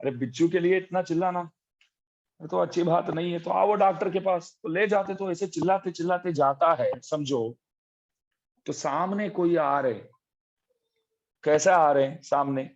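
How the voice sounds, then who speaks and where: A man delivers a devotional discourse in a high voice. He tells his stories with animation and slips into the voices of the people he quotes. The recording is dull and lo-fi. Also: normal speed. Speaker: religious teacher giving a discourse. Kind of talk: devotional sermon with storytelling.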